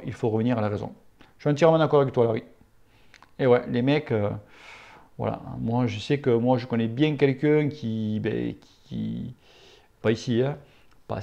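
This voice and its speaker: A man answering viewer questions about cycling in a casual, plain-spoken way. His voice is gravelly and dark, and he talks bluntly and familiarly, without mincing words. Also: mid-range voice, highs cut off. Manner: blunt, familiar and outspoken, with crude slang.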